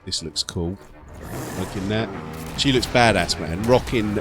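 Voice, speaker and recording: A man's voice: fairly low pitch, a little slow, music in the background. A British man hosting a gaming channel, giving casual, slangy reaction commentary in an informal way. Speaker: YouTube gaming channel host.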